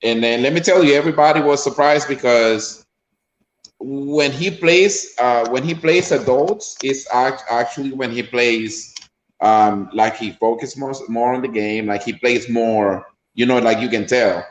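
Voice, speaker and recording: Man, Honduran accent, rambling casual talk, lots of fillers, mid-pitched, echoey room. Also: measured pace, a little hiss or hum. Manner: rambling, full of fillers and restarts. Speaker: player's father.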